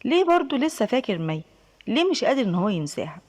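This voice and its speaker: A woman's voice: a little high, big pitch swings, quick pace, a little mellow. A young woman with an Egyptian accent telling a first-person story in a confiding, emphatic way.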